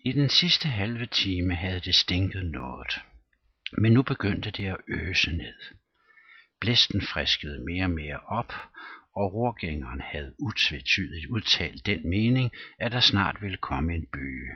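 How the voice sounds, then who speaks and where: Male audiobook narrator, deep and husky, steady measured reading. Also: no echo. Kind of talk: scripted narration. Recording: dull lo-fi recording, dry.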